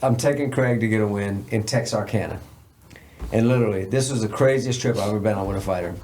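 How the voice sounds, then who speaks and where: A man's voice: lowish voice, quick pace, darkish tone, slight background noise. A man who trains boxers, telling a fight-trip story in casual, laughing podcast chat. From Texas. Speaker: boxing trainer.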